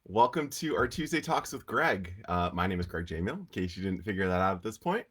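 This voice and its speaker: A man hosting a weekly live talk on healing, speaking with a congested, nasal voice from allergies in a relaxed, chatty way. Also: low-pitched, a little fast, husky. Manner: relaxed, chatty, with frequent fillers. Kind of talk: casual livestream talk.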